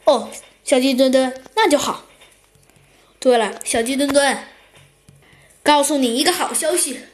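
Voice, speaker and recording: A woman voicing a kindly male monkey police chief in a children's story, patient and gently teasing. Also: high-pitched, unhurried. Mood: gentle.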